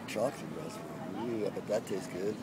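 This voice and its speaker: A man casually interviewing a vendor at an outdoor farmers market, speaking in halting phrases with false starts. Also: lowish voice. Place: outdoor farmers market beside a parking lot. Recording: outdoor traffic noise. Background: street and vehicle sounds.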